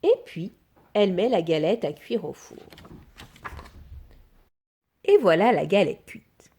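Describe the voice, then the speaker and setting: A woman reading a children's fairy tale aloud in an expressive, sing-song storytelling manner. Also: lowish voice, slow, slightly rough.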